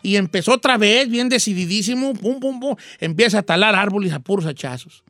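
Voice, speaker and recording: A man doing a high, folksy old Mexican rancher. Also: animated, brisk, fairly bright tone, no room sound, clean studio sound. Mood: playful. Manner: rambling, slangy, acts out voices and axe sounds. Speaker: radio show host. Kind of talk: radio joke storytelling.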